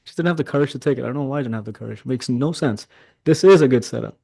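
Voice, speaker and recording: Excitable man calling live trades. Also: medium pitch, rapid-fire, vocal fry, husky, dry recording. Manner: excitable, talks to chat, swears when frustrated. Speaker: day trading mentor. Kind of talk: live trading session commentary.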